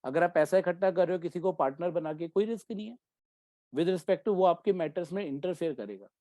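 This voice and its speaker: A man's voice: sits high, a little fast, mellow, no echo. A man teaching an exam-prep commerce class, mixing Hindi with English terms and often checking that the students follow.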